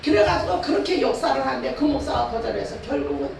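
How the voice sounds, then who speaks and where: High, gravelly woman pastor preaching in an echoey hall. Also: big pitch swings, fast talker, darkish tone. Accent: Chungcheong Korean. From Chungcheong, Korea. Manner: emphatic preaching with rhetorical questions. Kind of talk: revival sermon. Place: church or prayer house hall. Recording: echoey hall, far from the mic, faint noise.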